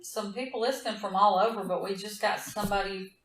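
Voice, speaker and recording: A woman's voice: mid-range voice, steady tone, fast, a bit bright. Southern woman host, roomy and distant. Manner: rambling, laughs easily, blunt. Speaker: podcast host. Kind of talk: casual true-crime chat, reading case notes.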